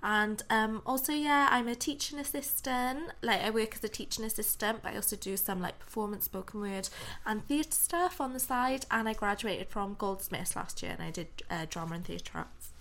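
A young woman in her twenties speaks with a Welsh Valleys accent from South Wales. Her voice sits at a middling pitch. She talks as an interview guest in a chatty, informal and slightly hesitant way. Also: moderate pace, a bit bright. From Pontypridd, South Wales. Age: 20s. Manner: chatty, hesitant, laughs readily. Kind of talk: casual chat.

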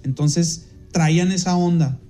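A man's voice: on the high side, unhurried, mellow, soft background music. A Mexican man, a podcast host and DJ, telling a casual anecdote in a rambling way, with many fillers and restarts, and jumping into livelier voices when he quotes people.

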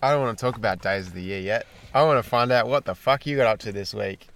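An Australian man with a grating, hoarse voice from a heavy cold, co-hosting a podcast in jokey, sweary casual banter. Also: lowish voice, fast, fairly bright tone, slight background noise. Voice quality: rough, grating voice. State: congested and hoarse from a bad cold. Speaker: podcast co-host.

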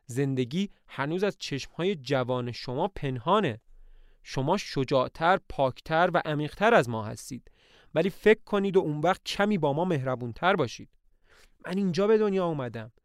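A man's voice: fairly high pitch, animated, clean tone, dry recording, studio quality. A man reading the lines of an anxious aging woman who owns an estate, in a plaintive, pleading way.

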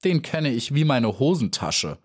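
A man's voice: very animated, normal speed, breathy edge. A man voicing a cheeky, boastful little female housefly in a storybook reading, cocky and dismissive. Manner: cocky and dismissive, then shrill and pleading.

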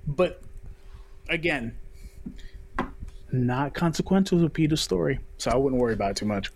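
A man's voice: medium pitch, expressive, normal speed, a little hiss or hum. A man co-hosting a podcast, explaining comic storylines in a laid-back, casual way. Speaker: podcast co-host. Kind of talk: casual comic book chat.

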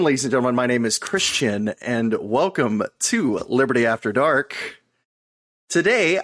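A man's voice: medium pitch, a bit bright. A man hosting a podcast, introducing the topic and his guest in a loose, friendly, rambling way. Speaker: podcast host. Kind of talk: casual podcast conversation.

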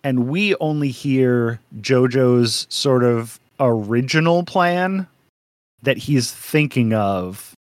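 Slow rambling podcast guy, dry close sound, laughs a lot. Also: mid-range voice, dry recording. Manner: rambling, laughs often, joking. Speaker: podcast co-host. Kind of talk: casual podcast chat.

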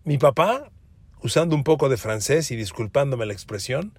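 Hosting a sports podcast, a man with a Mexican Spanish accent delivers a commentary monologue emphatically, calling his listeners friends and repeating words for stress. His medium-pitched voice is expressive and slightly rough, at a normal speed. There's no echo.

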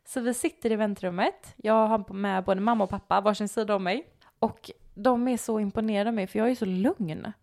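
A woman co-hosting a casual podcast chat, telling stories in an animated way and often breaking into shrieking laughter. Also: medium pitch, vocal fry. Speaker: podcast co-host.

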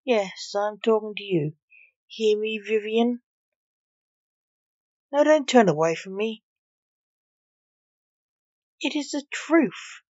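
A woman's voice: medium pitch, slow pace, pauses often, a little mellow, no echo, lo-fi sound, close to an everyday voice. A woman voicing the Reaper, a skeletal male figure in a monk's robe, solemn and brusque in his clipped pronouncements.

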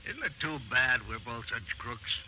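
An actor playing a nervous, wisecracking middle-aged crook in a 1950s radio drama, blustering and stammering, heard on a noisy old radio broadcast. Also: male voice, medium pitch, sing-song, moderate pace, pushed and bright. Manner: blustering, jittery, stammers when scared.

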